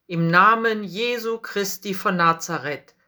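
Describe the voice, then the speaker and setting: A woman's voice: mid-range voice, unhurried, pushed and bright. A woman voicing the apostle Peter as a bold, earnest man in a storybook reading, speaking firmly. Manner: firm, earnest declaring.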